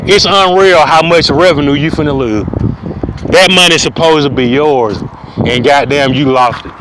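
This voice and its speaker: A man ranting profanely outdoors, preaching loudly at times and dropping to a low mutter. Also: normal speed. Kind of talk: outdoor rant to camera. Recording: wind noise outdoors.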